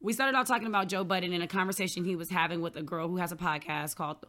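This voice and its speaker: A woman's voice: fairly low pitch, fairly even intonation, rapid-fire, sharp tone. A woman in her early thirties co-hosting a casual podcast, giving frank dating advice and acting out quoted lines. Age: early 30s. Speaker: podcast co-host.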